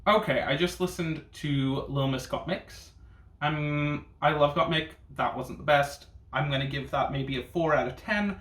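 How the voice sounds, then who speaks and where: A man's voice: on the high side, unhurried, fairly bright tone. A man giving casual reaction commentary as a reviewer, with a sassy, bitchy drag-queen delivery full of camp slang and swearing. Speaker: reviewer hosting a ranking video. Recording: echoey room with faint noise.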